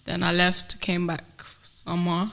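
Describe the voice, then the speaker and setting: A woman in her twenties, a podcast guest telling her story in a relaxed, casual way with slang and fillers. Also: on the low side, measured pace, gravelly. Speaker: podcast guest, food business owner.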